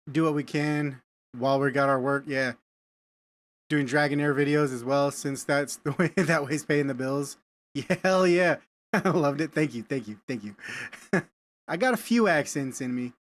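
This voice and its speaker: A man live-streaming a game, chatting casually with viewers and often repeating words as he thinks aloud. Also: fairly high pitch. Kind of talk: casual live-stream chat while gaming.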